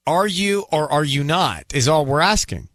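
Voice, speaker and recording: A male radio host running a call-in segment, pressing a caller with calm, firm questions. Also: fairly high pitch, moderate pace, dry recording.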